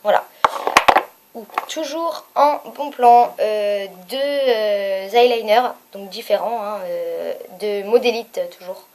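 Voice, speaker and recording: A woman's voice: medium pitch, slow pace, a little mellow, a little hiss or hum. A young woman chatting casually as a beauty vlogger, hesitant and full of fillers while she reviews makeup.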